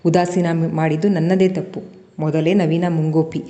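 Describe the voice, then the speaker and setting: A woman narrating a serialized family story in a steady, expressive reading style. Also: sits low, moderate pace. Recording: long reverb.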